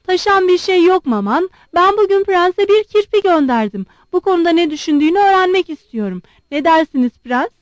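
A woman reading aloud and voicing a proud, blunt young woman who questions her suitor sharply and quickly. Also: very high voice, animated, dry recording, pitched above the performer's own voice. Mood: sharp demanding.

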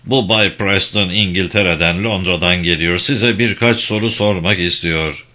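A man reading the lines of a brisk, practical local guide and driver. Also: low voice, sharp tone. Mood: matter-of-fact.

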